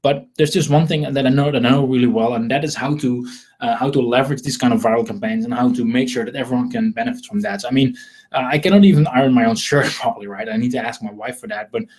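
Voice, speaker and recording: A Dutch-accented host from the Netherlands, speaking at a medium pitch with a slightly mellow voice, leads an informal live sales webinar for marketing software. His talk meanders, circles back on itself and is self-deprecating.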